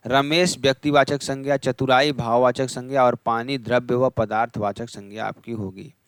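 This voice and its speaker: A man's voice: medium pitch, little pitch movement, clean tone, dry recording. A man teaching an exam revision lesson, rattling through lists and quizzing the class, asking questions and then answering them himself. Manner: rapid list-reading, repeats answers. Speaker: Hindi exam-prep teacher.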